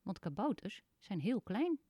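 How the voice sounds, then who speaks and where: A woman voicing a tiny cheerful male gnome in a storybook reading, speaking high and matter-of-fact. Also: very animated, unhurried, warm tone, slightly rough, no room sound, studio quality. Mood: cheery.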